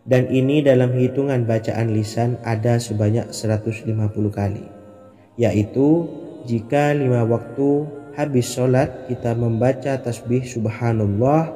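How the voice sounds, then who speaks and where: A man giving scripted religious narration, in a measured way and reciting Arabic phrases. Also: mid-range voice, warm tone. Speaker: Islamic devotional narrator. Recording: long hall reverb, faint music.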